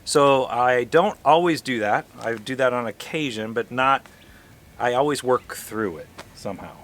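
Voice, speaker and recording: A man's voice: medium pitch, moderate pace, fairly bright tone. A man hosting an RV travel vlog, chatting casually and unscripted, explaining himself with rhetorical questions.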